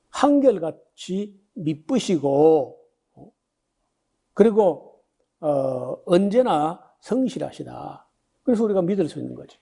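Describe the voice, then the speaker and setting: An older male pastor in his sixties teaches from the Bible in a loose, chatty sermon style. His voice sits high for a man but sounds soft and mellow. He stops often to throw questions at his listeners and reads verses aloud before he explains them. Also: creaky, slightly rough. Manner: conversational, many fillers and rhetorical questions; reads scripture passages aloud then explains.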